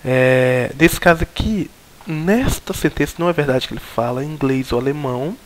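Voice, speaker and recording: A Brazilian man at a middle pitch teaches logic in a recorded lesson. He explains step by step, restarting and filling his pauses often. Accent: Brazilian Portuguese. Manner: hesitant, many fillers and restarts, explaining step by step.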